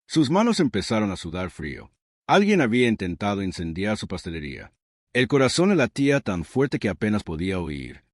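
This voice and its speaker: A man's voice: fairly low pitch, big pitch swings, brisk, no echo, clean studio sound. A man reading a dramatic story as narrator, with suspenseful delivery.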